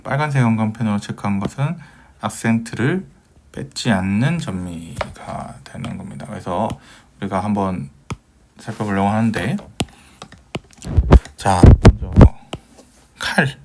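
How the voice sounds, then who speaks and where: A man's voice: on the low side, expressive, unhurried, pauses often, noisy background. A man giving a recorded Hebrew grammar lecture, patiently asking questions and answering them himself, with many fillers.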